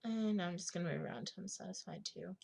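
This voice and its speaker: A young woman with a raspy smoker's voice giving a casual screen tutorial, thinking aloud in informal, slangy speech and often clearing her throat. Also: fairly low pitch, quick pace, darkish tone. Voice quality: husky smoker's rasp with gravelly creak. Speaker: digital art tutorial host.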